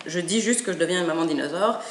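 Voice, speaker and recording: A woman giving parenting advice in a casual, animated way, acting out a children's story as she talks. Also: on the low side, quick pace, a little hiss or hum. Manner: animated, acts out stories. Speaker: parenting educator. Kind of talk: casual spoken advice video. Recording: echoey room.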